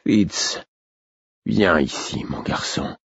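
A man's voice: a bass voice, no echo, exaggerated voice. A man voicing a frail, dying old king. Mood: weary, fond. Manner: slow, faint and breathy. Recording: dull, muffled audiobook sound.

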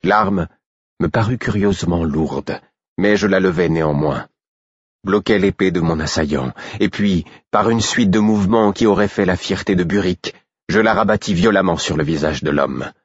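Deep husky male audiobook narrator. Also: dry recording. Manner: measured, dramatic reading. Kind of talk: scripted narration. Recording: slightly muffled recording.

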